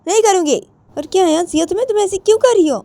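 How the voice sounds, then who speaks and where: Brief: woman doing defiant mother, raised high pitch, storybook voice, mellow. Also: very fast, no echo. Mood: stubborn defiant. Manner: defiant, repeating refusals. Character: stubborn middle-aged mother, quarrelsome.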